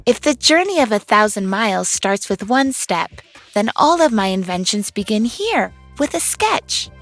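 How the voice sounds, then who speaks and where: A woman voices an upbeat girl inventor for a kids' read-along cartoon, her mid-range voice swinging widely in pitch with a somewhat bright tone. The recording is dry, with music underneath, and she speaks at normal speed, enthusiastic, cheerful, and proud.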